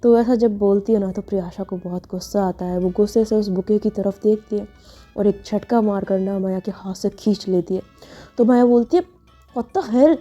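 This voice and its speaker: A woman's voice: medium pitch, steady tone, normal speed, mellow. A woman telling a story in a casual, chatty narration with many filler phrases. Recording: dull lo-fi with faint music.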